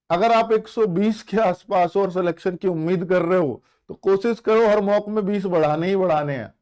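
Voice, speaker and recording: Here a man acts as an exam coaching teacher, offering students motivational advice, explaining points, repeating key phrases and answering his own questions. His voice is high-pitched yet darkish in tone.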